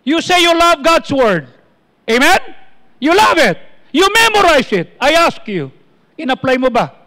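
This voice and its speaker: A Filipino pastor preaching, with a high, bright, forceful voice. He quotes scripture and keeps turning questions back on his listeners. His voice rings out through a church hall with a long reverb. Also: big pitch swings, unhurried. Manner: preaching in mixed Tagalog and English, quoting verses, asking the congregation questions. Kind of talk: sermon.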